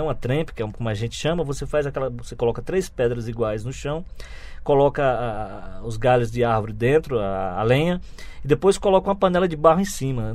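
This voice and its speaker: A man tells anecdotes at a brisk clip. His delivery is lively and colloquial, peppered with tag questions. He speaks as a guest on an interview. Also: mid-range voice. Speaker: author guest. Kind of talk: anecdotal storytelling.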